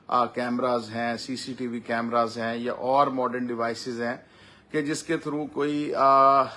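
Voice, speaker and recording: Speaking with a Pakistani accent, a man who works as a lawyer delivers a semi-formal explanation at a deliberate pace, stretching out his hesitations. The voice is mid-range and a bit bright.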